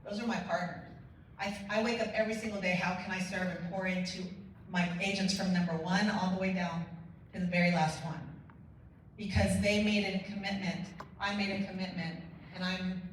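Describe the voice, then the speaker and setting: Woman, keynote speaker, lively storyteller; distant mic, very echoey hall. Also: fairly low pitch, moderate pace, slight background noise. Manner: energetic storytelling with quoted dialogue. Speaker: motivational speaker. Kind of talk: conference keynote speech. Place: large conference hall.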